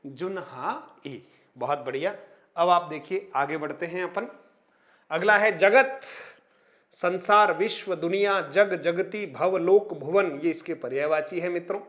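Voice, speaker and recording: High-voiced man rattling off word lists. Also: fairly bright tone. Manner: rattles off word lists, stressing new words with reminders; addresses viewers as friends, frequent tag questions. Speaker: Hindi grammar teacher. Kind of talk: exam-prep lesson reading out word lists.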